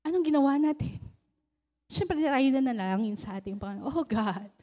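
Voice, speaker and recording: A Filipino woman in her thirties gives a sermon testimony in church. She tells her story with frequent laughs and grows loud when she is stirred. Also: high voice, lively intonation, normal speed. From Philippines. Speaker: lay preacher giving a testimony.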